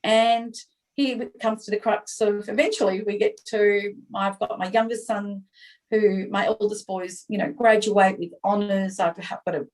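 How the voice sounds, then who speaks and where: A woman's voice: mid-range voice, steady tone, moderate pace, darkish tone, poor audio. A middle-aged woman, an interview guest telling her story candidly and acting out her own past dialogue.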